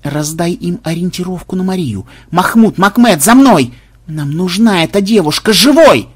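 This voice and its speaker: A man voicing a cold, sharp-witted male programmer investigator who speaks calmly in clipped, probing lines, in an audiobook. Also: on the high side, moderate pace, husky. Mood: commanding. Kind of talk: audiobook character voice.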